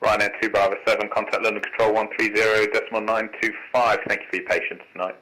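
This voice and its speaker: A man's voice: on the low side, level tone, quick pace, pushed and bright, low-quality recording. A man working as an air traffic controller, giving courteous standard instructions over aviation radio.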